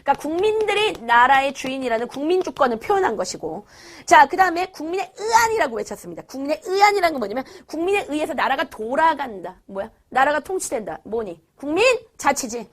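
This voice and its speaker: A young woman teaching a middle school social studies lesson, lively and playful, acting out quotes with sudden shouts. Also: high voice, quick pace. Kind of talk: energetic video lecture.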